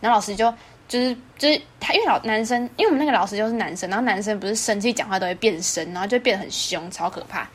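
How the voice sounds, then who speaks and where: Rapid-fire young woman telling a story. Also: mid-range voice, husky. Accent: Taiwanese Mandarin. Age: 20s. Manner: animated storytelling, laughing often. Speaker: podcast co-host. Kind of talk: casual chat.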